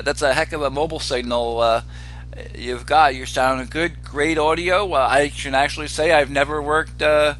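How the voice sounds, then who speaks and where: A man casually hosting a ham radio net as its control operator, with a halting delivery full of pauses. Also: fairly high pitch, sharp tone. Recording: noticeable hum and background noise.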